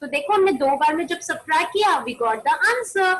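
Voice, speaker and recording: Teaching maths to primary pupils over a video call, a high-voiced woman sounds expressive and fairly bright at a moderate pace. She blends Hindi and English, answers her own questions, and names pupils to get them to turn their cameras on; the recording is rough.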